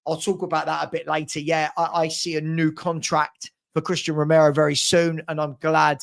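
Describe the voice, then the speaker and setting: This football livestream host, a man in his forties, has a fairly high, gravelly voice with little pitch movement and a moderate pace. He chats matily with viewers, reading and responding to their comments and repeating words as he thinks out loud.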